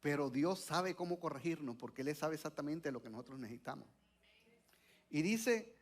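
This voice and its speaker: A male pastor with a high, slightly bright voice preaches a sermon to his church congregation. He puts questions to them and pauses for their answers.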